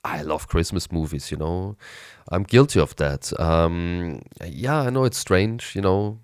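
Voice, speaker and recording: Hoarse guy with a cold doing a chatty movie review, deep raspy voice, eager and a bit rambly. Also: a little slow, no room sound, clean studio sound. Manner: rambling and enthusiastic, hesitant restarts. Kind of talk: casual film review monologue.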